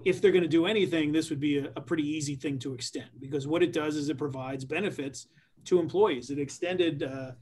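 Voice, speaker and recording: A man's voice: a little high, darkish tone, a little hiss or hum. A man giving an informal legal briefing as a panelist, conversational and often rephrasing himself. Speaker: employment lawyer, webinar panelist.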